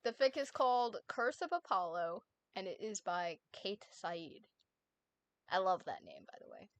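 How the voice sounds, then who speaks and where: This streamer host has a mid-range voice that swings widely in pitch, and she talks a little slowly. During her casual stream she reads out a story summary, laughing often and cursing in a playful way.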